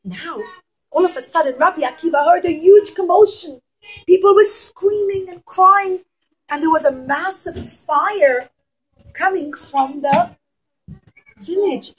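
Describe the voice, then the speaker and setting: A woman storyteller teaching young children speaks dramatically, using emphatic pauses and asking her listeners questions. Her voice is very high-pitched, and the recording quality is low.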